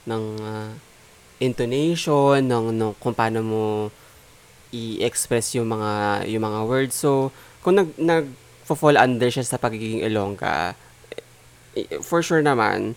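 A man's voice: mid-range voice, takes it slowly, pauses often. A man co-hosting a podcast in casual chat, playful and teasing. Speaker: podcast co-host.

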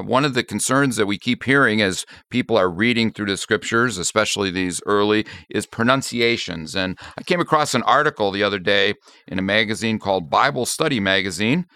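A man's voice: on the low side, pushed and bright, smooth, no room sound, clean studio sound. A man who is a pastor, co-hosting a casual Bible study podcast and explaining things in a friendly, plain-spoken way.

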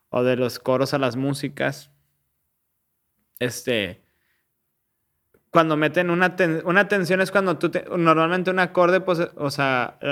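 A man's voice: fairly high pitch, a bit bright, clean tone. A man, casually explaining music theory step by step on a podcast, slangy and full of restarts.

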